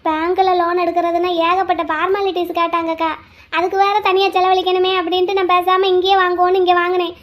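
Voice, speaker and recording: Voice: extremely high pitch, flat delivery, quick pace, a bit bright. A voice actor playing a tearful village woman in a cartoon, who pleads and laments that her drunk husband deceived her. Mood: lamenting. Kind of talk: cartoon voice acting.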